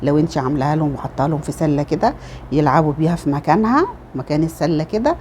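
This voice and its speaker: A woman's voice: low voice, animated, racing, darkish tone, slight background noise. A middle-aged Egyptian woman with an Egyptian Arabic accent, giving casual motherly advice in a chatty home vlog. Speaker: lifestyle vlogger.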